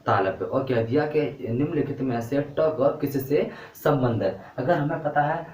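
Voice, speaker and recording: A man's voice: medium pitch, unhurried, darkish tone, a little hiss or hum. Male teacher, patient step-by-step explainer who quizzes with rhetorical questions, recorded off-mic. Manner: repeats and corrects himself aloud. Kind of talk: classroom-style grammar lesson. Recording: echoey room, voice from a distance.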